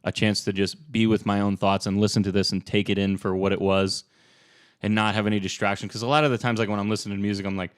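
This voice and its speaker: A man's voice: on the low side, little pitch movement, fast talker, clean tone. A man hosting a podcast in casual chat, rambling and swearing loosely with lots of filler words. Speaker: podcast host.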